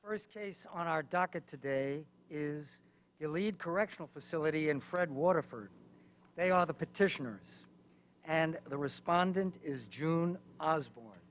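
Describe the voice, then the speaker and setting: A man's voice: on the high side, normal speed, a little hiss or hum. A man speaking as presiding judge, formally running court proceedings.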